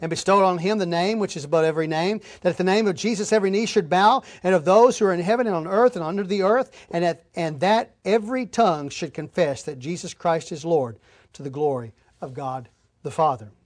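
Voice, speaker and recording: A man's voice: high-pitched, fairly quick. A man preaching an expository sermon, reading scripture aloud and then explaining it plainly to his listeners, whom he calls folks.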